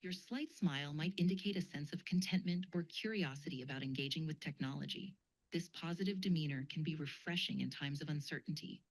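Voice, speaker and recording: Low female AI host from a woman's voice clone, synthetic, formal, analytical, polite. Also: brisk. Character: polite female AI program hosting a futures game.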